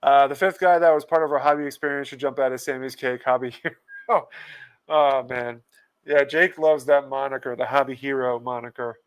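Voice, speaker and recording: A man's voice: medium pitch, steady tone, moderate pace, clean tone. A man hosting a casual livestream podcast, laughing often and reading out viewers' comments. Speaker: podcast host.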